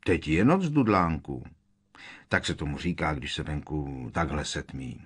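A man voicing a sharp-tongued, defiant teenage boy who needles with sarcasm. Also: very deep voice, animated, slightly rough, pitched below the performer's own voice, exaggerated voice. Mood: sarcastic.

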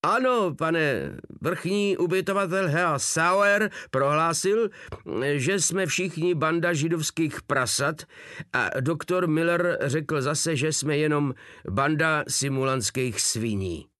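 A man's voice: on the high side, sharp tone, dry recording, clean studio sound, pitched above the performer's own voice. A man doing an insolent innocent-sounding soldier. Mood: mock-innocent. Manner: mock-polite, insolent. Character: cheeky giant common soldier, man, feigning innocence.

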